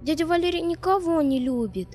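A small, serious boy with a high, childlike voice, blunt and withdrawn, as a woman narrator puts him on. He sounds sullen and speaks plainly. Faint music plays under the storybook reading. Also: fairly quick, a little mellow. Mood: stern.

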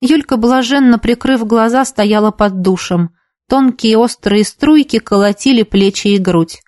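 A woman reads an audiobook aloud in a steady, measured way. Her voice sits a little high. The recording is dry and close, with no room sound. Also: no echo. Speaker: audiobook narrator. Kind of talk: audiobook reading.

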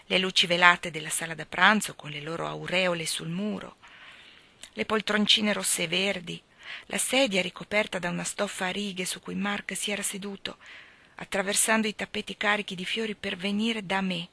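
Bright-voiced woman reading a novel. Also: mid-range voice, fairly even intonation, moderate pace, vocal fry. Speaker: reader.

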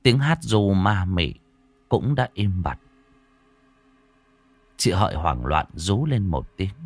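A man telling a ghost story in scripted narration, dramatic and slowing down for suspense. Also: deep voice, animated, creaky, slightly rough, no room sound.

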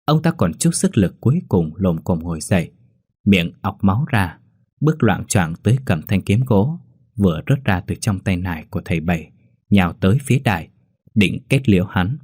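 A man narrating a ghost story in a steady storytelling way. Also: deep voice, moderate pace, slightly rough, dry recording, clean studio sound. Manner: steady storytelling, voicing all figures.

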